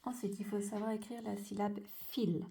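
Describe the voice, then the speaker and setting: A woman teacher giving a slow dictation lesson to young children, stretching out each sound and syllable with care. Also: mid-range voice, little pitch movement, gravelly, warm tone, slight background noise.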